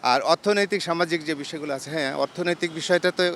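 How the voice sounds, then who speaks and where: A man giving his opinion in a street interview, thoughtful and pausing to find his words. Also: fairly high pitch, a bit bright, a little hiss or hum. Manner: thoughtful, with hesitations. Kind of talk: reflective vox pop opinion.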